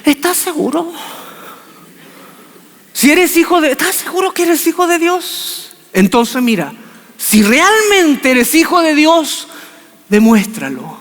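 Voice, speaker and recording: A man's voice: very high voice, very animated, slow pace, long pauses, fairly bright tone, voice pushed up, heavily acted. A man voicing a mocking male devil who needles with questions, in a sermon retelling. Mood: taunting. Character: taunting male devil tempting Jesus. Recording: long reverb of a large hall.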